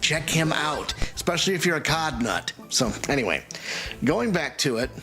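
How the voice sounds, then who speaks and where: A man's voice: fairly high pitch, big pitch swings, normal speed, bright, forceful tone, soft background music. A man hosting a live game stream, chatting and thanking viewers.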